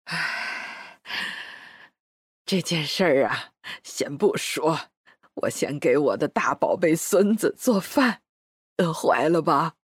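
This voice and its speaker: A slow, sighing old grandmother. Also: fairly low pitch, animated, breathy edge, dry recording, studio quality, heavily acted. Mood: sorrowful. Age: older. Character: elderly grandmother, tender and worried. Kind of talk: audio drama acting.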